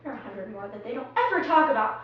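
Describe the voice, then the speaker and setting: A woman's voice: fairly high pitch, very animated, quick pace, heavy background noise. A young woman in a casual student video skit, explaining in a chatty, playful way. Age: young adult. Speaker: student presenter. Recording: echoey room, far from a dull mic.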